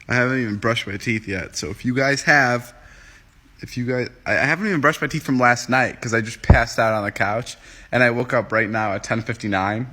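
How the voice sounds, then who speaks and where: Speaking a bit fast in a mid-range, pushed, bright voice, this young man in his twenties has only just gotten up and still sounds groggy. He's livestreaming from home on his phone, rambling and joking as he replies to viewers' comments in casual chat.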